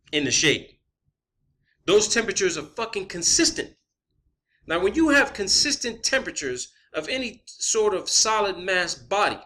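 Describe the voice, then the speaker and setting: A man with a high, bright, forceful voice hosts a video presenting his own theory in an informal opinion monologue. He is emphatic and combative and swears often.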